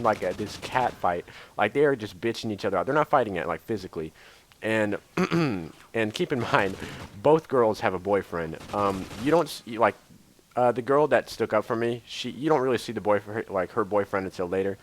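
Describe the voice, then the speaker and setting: A young man tells a long, rambling story in a casual vlog, his voice sitting a bit low. He fills it with "like" and swearing as he goes. Faint game gunfire and clicks run quietly behind him. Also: lively intonation, moderate pace, a little hiss or hum. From Idaho. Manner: rambling, lots of filler words and swearing. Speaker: YouTuber. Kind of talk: casual storytelling over gameplay.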